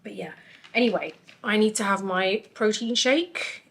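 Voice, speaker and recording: A woman's voice: mid-range voice, a little slow, creaky, slight background noise. A woman vlogging in a casual, chatty way, her voice a little worn and not fully back after being ill. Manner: informal and conversational, frequent checking tags like "you know". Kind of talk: casual chat to camera.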